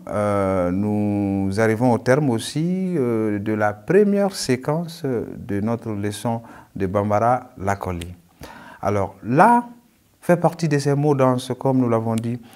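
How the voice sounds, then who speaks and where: A man's voice: medium pitch, a little mellow. Patient man teaching, many "hein" tags. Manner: frequent hesitations and tag "hein"; patient, repeats key points. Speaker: language teacher. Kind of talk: explanatory lesson.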